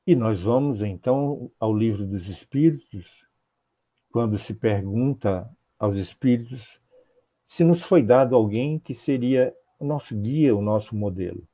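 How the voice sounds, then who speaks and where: Over a video call, a Brazilian Portuguese-accented older man lectures on spiritism, his mid-range voice warm, mellow, and expressive. Repeated clauses pile up in his measured, rhythmic delivery. The audio comes through a small earphone mic in a home office.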